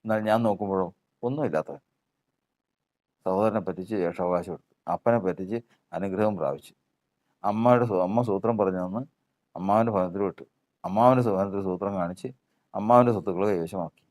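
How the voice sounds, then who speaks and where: A man preaches a sermon in a somewhat low voice. He builds his points through repetition and rhetorical questions, pressing each phrase home. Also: brisk, pauses often, a little mellow.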